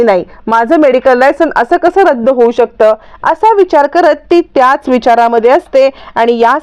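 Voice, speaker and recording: A woman storyteller retelling a serial episode in a lively way. Her voice is high and smooth. Every word comes out clear and crisp. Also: highs cut off. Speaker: narrator.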